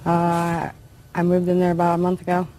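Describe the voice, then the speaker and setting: Subdued, flat-voiced woman defendant. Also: on the low side, normal speed. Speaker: defendant in a TV court case. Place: TV courtroom.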